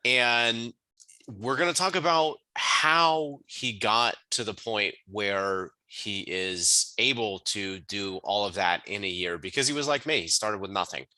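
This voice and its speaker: A man's voice: fairly low pitch, unhurried, bright, forceful tone, no echo, rough recording. A man hosting a podcast, introducing and interviewing his guest in an upbeat, hyped-up way. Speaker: podcast host.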